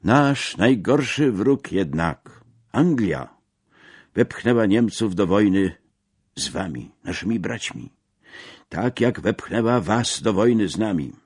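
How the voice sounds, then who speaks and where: Man playing a zealous delegate, emphatic oratory, husky, unhurried, dry sound. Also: lowish voice, expressive, no room sound, voice pushed up, heavily acted. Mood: impassioned. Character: zealous male workers' delegate giving a speech.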